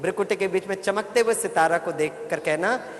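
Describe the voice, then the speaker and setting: A man's voice: sits high, fairly quick. A man giving a motivational spiritual talk to a live audience, telling stories and getting listeners to repeat lines after him. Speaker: spiritual speaker. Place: large hall with audience. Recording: echoey hall, faint background noise.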